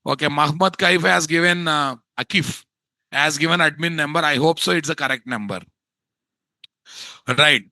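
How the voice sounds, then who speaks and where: A man with a Telugu Indian accent teaching an informal live software class in an exasperated, scolding way, often firing rhetorical questions at his students. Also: fairly high pitch, normal speed, vocal fry, pauses often, no room sound. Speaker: instructor of a software course.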